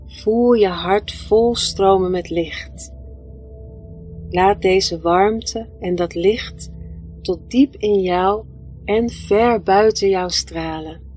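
Slow, soothing woman guiding a meditation. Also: mid-range voice. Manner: soft, soothing, gentle delivery with long pauses. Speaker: guided meditation leader. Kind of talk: guided meditation narration. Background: music.

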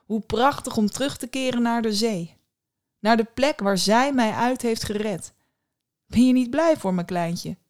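A woman's voice: medium pitch, unhurried, darkish tone, lightly acted. Storybook figure: cheerful, self-absorbed young prince, read by a woman, eager and doting.

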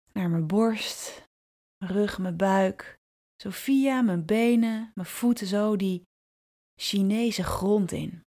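A woman podcast host telling a personal story in an intimate, vivid way, slowing and drawing out her phrases and dropping into soft asides. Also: medium pitch. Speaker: podcast host and brand strategist.

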